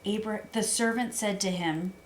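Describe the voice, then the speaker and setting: A woman who reads scripture aloud in a calm, measured way and chats briefly between passages. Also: mid-range voice. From United States. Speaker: guest reader. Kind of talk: reading scripture aloud and chatting. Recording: faint background noise.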